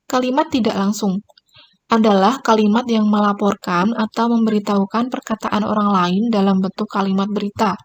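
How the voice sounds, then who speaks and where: A woman's voice: medium pitch, steady tone, moderate pace. A woman teacher giving a recorded grammar lesson, explaining each point and pointing at examples on screen. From Indonesia.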